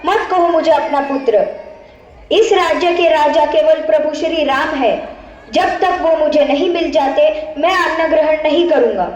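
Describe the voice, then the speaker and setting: A woman's voice: sits high, measured pace, darkish tone, highs cut off, a little hiss or hum. A woman voicing a devoted young male prince, an earnest younger brother who pleads. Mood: indignant. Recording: echoey room.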